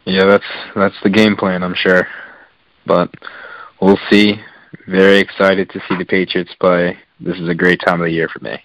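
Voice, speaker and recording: A man's voice: low voice, flat delivery, moderate pace, a bit bright, dry recording, low-quality recording. A man co-hosting a casual sports podcast, talking in detail and with enthusiasm, with lots of fillers. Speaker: podcast co-host.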